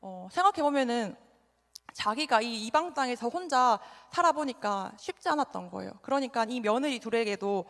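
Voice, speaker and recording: A woman's voice: fairly high pitch, lively intonation, normal speed, fairly bright tone. A young woman evangelist giving a conversational sermon to a youth group, chatting and asking the audience direct questions. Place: church hall. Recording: long hall reverb.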